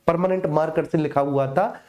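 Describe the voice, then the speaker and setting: A coaching teacher with a North Indian accent runs a live online exam class, mixing in personal anecdotes, and his fairly high, dark-toned voice stays steady as he talks fairly quickly. His teaching is colloquial and didactic, and he often checks in with short tag phrases.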